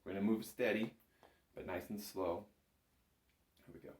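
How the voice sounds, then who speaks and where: This is an instructional music lesson to camera from a bagpipe instructor, who patiently and informally takes learners through it step by step. His lowish, darkish voice stays steady at a normal speed, and the indoor room he's in is echoey.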